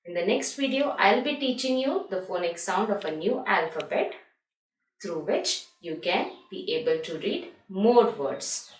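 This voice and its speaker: A woman's voice: mid-range voice, expressive, a little slow, far from the mic, a little hiss or hum. A woman teaching kindergarten phonics, spelling out letters and stressing each word. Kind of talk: slow, deliberate phonics lesson. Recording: echoey room, voice off-mic.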